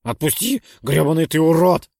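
A man's voice: fairly high pitch, lively intonation, normal speed, mellow, dry recording, studio quality, voice pushed up. A man voicing a wounded, foul-mouthed male companion who screams curses in panic. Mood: furious panic. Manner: hoarse, screaming and cursing.

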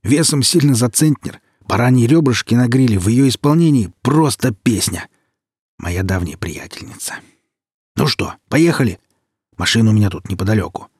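A man voicing a smooth, persuasive helper, easygoing and talkative. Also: mid-range voice, lively intonation, normal speed, a little mellow, no echo, clean studio sound. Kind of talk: audiobook character reading.

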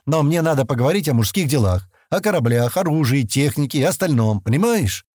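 A man's voice: a little high, expressive, fairly quick, a little mellow, no echo, clean studio sound, voice pushed up. Man doing a grumpy impatient space explorer. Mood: brusque. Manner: grumbling, mocking, curt.

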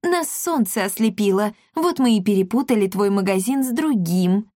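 A woman's voice: medium pitch, animated, moderate pace, warm tone, dry recording, studio quality, close to an everyday voice. Cowardly storybook governor, male, soothing and wheedling, read by a woman. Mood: placating. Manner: placating, wheedling.

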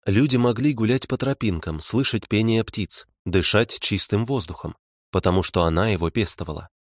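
A man voicing a calm woman investigator who lays out facts softly and pointedly. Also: lowish voice, normal speed, dry recording, studio quality.

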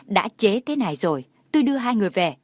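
A woman voicing a reserved father who speaks in a calm, clipped way. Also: medium pitch, quick pace, no echo, clean studio sound. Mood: cool. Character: reserved father, cool and curt.

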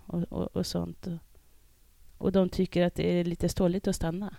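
A woman's voice: lowish voice, level tone, gravelly, no room sound, studio quality. A woman deacon, speaking as a podcast guest in a thoughtful, musing way. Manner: thoughtful, musing, soft trailing endings. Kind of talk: casual conversation, scripture reading.

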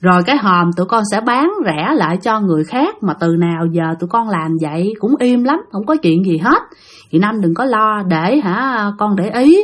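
A woman's voice: mid-range voice, animated, normal speed, close to an everyday voice. A woman voicing a young man who earnestly reassures his aunt, with a Southern Vietnamese accent. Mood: reassuring.

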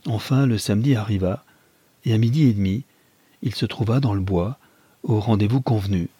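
A man reading a novel aloud in measured, even narration. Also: lowish voice, slightly rough, dry recording.

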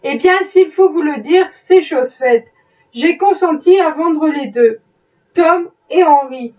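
A woman's voice: high voice, slow pace. A woman reading the part of an evasive, embarrassed male plantation owner, curt and defensive. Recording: muffled, distant mic.

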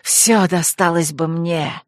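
A woman voicing a deranged, murderous man who giggles and drools, speaking in slow, drawn-out ravings in an audiobook. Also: on the low side, fairly even intonation, dry recording, clean studio sound. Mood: hateful. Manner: slow, sing-song ravings. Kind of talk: audiobook character voice.

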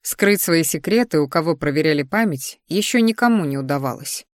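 A woman narrates a fantasy audiobook in the first person, with a steady, expressive delivery. Her voice sits a little low, recorded close and dry with no room sound. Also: brisk, no echo. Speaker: audiobook reader.

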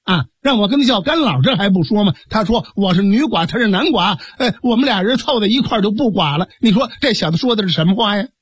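A male storyteller voicing a fierce, sharp-tongued older female innkeeper in a traditional tale. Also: high-pitched, lively intonation, slightly rough, dry recording, studio quality. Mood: indignant. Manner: scolding, quick storyteller's patter.

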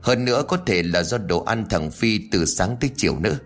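A man's voice: fairly low pitch, animated, a little fast, faint music behind, close to an everyday voice. A man voicing a caring middle-aged uncle who speaks soothingly. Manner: soothing, reassuring.

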